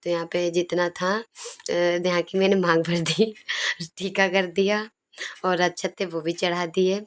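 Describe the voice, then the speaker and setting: A young woman talks over her family video in a relaxed, chatty way. Her voice sits low and stays fairly even in pitch, with little rise and fall. Now and then a soft laugh slips into her telling. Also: moderate pace. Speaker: vlogger.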